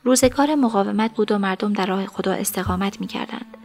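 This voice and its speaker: A woman narrating a story in an even, measured voice. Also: medium pitch.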